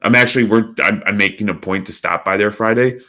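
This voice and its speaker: Low-voiced man in casual podcast banter. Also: fast talker, pushed and bright. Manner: loose, swearing banter. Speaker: podcast co-host. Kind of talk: casual chat.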